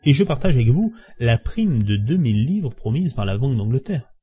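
A man's voice: mid-range voice, sing-song, fairly quick, breathy edge. A man reading aloud and voicing a calculating male police detective who speaks curtly and insists. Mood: persuasive. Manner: curt, insistent. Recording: dull lo-fi recording.

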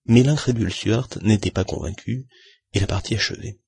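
A man with a husky, gravelly voice reads a classic novel aloud in a steady, measured way. His voice sits on the low side. The recording is close and completely dry. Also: no room sound. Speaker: narrator. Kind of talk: audiobook narration of a classic novel.

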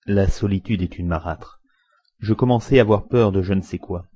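A man voicing a middle-aged village blacksmith who talks briskly and impatiently. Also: low-pitched, warm tone, slightly rough, no room sound. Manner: brisk, exclaiming. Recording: muffled lo-fi recording.

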